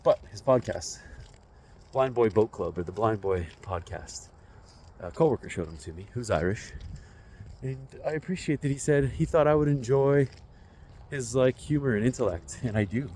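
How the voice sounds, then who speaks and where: A man's voice: mid-range voice, expressive, moderate pace, darkish tone, a little hiss or hum. A man in his forties talks to a phone on a selfie stick while walking outdoors through a residential neighborhood, musing in a rambling, self-deprecating way. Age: 40s. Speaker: vlogger. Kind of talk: casual walking vlog.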